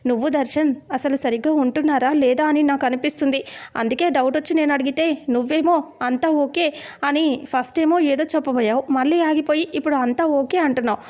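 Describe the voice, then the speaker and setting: A woman's voice: sits high, fairly even intonation, quick pace, a little mellow, lightly acted. A woman playing a probing, firm elder sister. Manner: probing, scolding questions.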